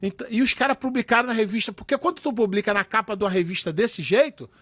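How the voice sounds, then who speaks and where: High-voiced man, dry close sound. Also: fairly bright tone, no echo. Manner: halting, restarting, blunt and profane. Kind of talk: casual chat.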